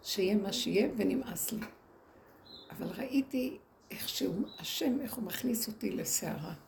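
Woman rebbetzin addressing women, lively storyteller with a gravelly edge; noisy live capture. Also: mid-range voice. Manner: animated, acts out quoted people. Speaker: rebbetzin teaching a women's group. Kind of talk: storytelling talk to an audience. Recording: noisy room recording.

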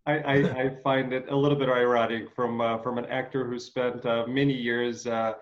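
A man's voice: mid-range voice, little pitch movement. Host guy from ukraine, earnest, lots of ums, kinda muffled call audio. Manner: earnest, halting, many fillers. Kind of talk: interview hosting. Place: home. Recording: slightly muffled.

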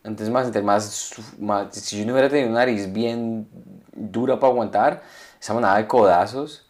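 A young man tells stories as co-host of a comedy podcast. His voice sits a bit low, and he talks in an animated, profane way. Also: moderate pace. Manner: animated storyteller, swears freely. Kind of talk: casual chat.

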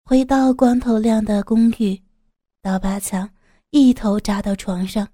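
A woman calmly narrating a crime story as a storyteller, in an even reading voice. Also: a little high, unhurried, no echo, clean studio sound.

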